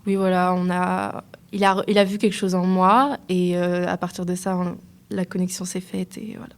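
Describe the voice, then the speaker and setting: A woman's voice: on the low side, little pitch movement, moderate pace, lightly acted. A woman playing the male artist Basquiat in an improvised radio role-play, hesitant and full of fillers. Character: male artist Basquiat recalling his past. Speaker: student role-playing an interview.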